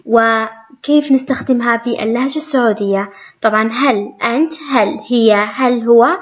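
A woman with a Saudi accent and a somewhat high voice leads a language lesson. She reads each example sentence slowly and says it twice. The recording sounds muffled and lo-fi. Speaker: Arabic teacher. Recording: dull lo-fi sound.

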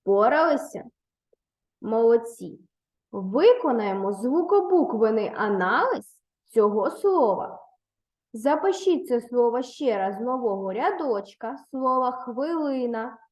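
A woman with a fairly high voice teaches young children at an unhurried, deliberate pace. She is patient and encouraging, praising answers and guiding pupils step by step. The recording carries a roomy echo. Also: animated, darkish tone. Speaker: primary school teacher. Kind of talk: online lesson for third graders.

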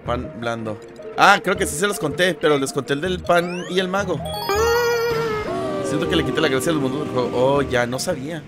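Young Mexican male streamer, shouty and hyped, highish voice, game music behind. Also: normal speed. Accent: Mexican Spanish. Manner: loud, excitable, jokey with chat. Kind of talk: casual gaming stream chat.

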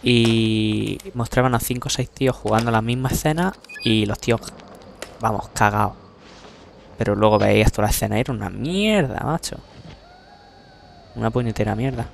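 A man's voice: on the low side, steady tone, brisk, creaky, slight background noise. A young man from Spain giving casual let's-play commentary, chatty and self-mocking, swearing casually as he goes. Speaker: gameplay commentator. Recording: game music playing loudly behind.

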